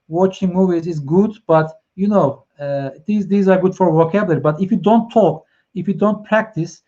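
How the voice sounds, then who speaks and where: The host, a Turkish-accented man from Turkey, talks to his live stream audience in English, cheering them on amid frequent fillers, restarts, and hesitation. His voice sits high with a warm tone, and the recording's highs are cut off.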